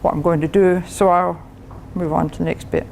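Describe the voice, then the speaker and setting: Speaking fairly quickly with a steady tone, vocal fry and a low, darkish voice, a Scottish professor in her later years addresses a club as guest speaker. Her technical talk is chatty, full of laughter and restarted sentences, and there's a little background noise.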